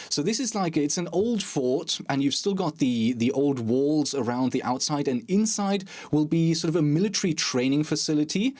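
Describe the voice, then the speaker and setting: A man's voice: a little high, a little mellow. A man hosting a casual gaming podcast, chatty and self-deprecating, with sarcastic asides. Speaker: podcast host.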